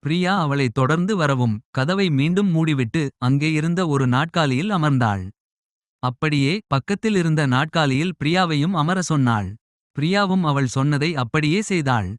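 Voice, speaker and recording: A man narrating an audio novel in a steady, measured storytelling voice. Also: a little high, no echo, clean studio sound. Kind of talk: scripted narration.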